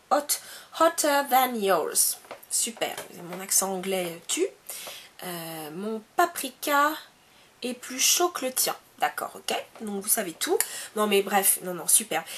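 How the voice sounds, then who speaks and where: A woman's voice: high voice, a bit bright. A woman from France chatting casually in a beauty haul video at home, with many hesitations. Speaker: beauty vlogger.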